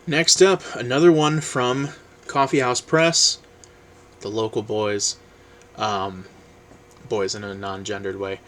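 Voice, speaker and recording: A man's voice: lowish voice, steady tone, slow pace, long pauses, a little hiss or hum. Rambling man chatting about books. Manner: rambling and conversational, lots of ums, trails off quietly. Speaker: book vlogger. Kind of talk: casual book review chat, reading blurbs aloud.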